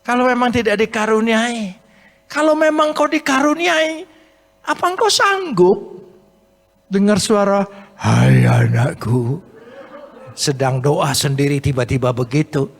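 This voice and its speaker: A man preaching a sermon at a church service, asking his congregation questions in a lively way. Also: very high voice, moderate pace. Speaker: pastor. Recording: long church hall reverb.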